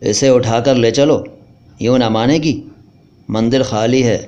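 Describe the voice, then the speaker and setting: A man voicing rough, threatening village robbers who mock and bully, in a dull lo-fi recording. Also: medium pitch, steady tone, unhurried, darkish tone, lightly acted. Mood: menacing. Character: menacing coarse male robbers.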